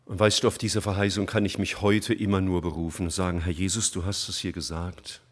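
A man preaching an emotional sermon to a congregation, earnest and rising to fervent emphasis, reading scripture slowly. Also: low voice, little pitch movement.

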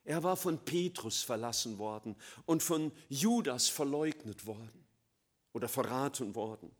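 A man preaching a sermon, swinging between loud emphatic lines and quiet, low, slow passages. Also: lively intonation.

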